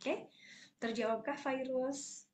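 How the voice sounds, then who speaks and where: A woman with a fairly high voice leads an online workshop on public speaking. She answers participants' questions in a lively, explanatory way and illustrates her points with examples. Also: slow. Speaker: speaking coach.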